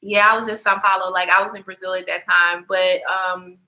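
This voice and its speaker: A woman's voice: on the low side, level tone, a little fast, sharp tone, poor audio. A young woman chatting casually on a travel livestream, slangy and profane, talking straight to her viewers. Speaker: travel vlogger.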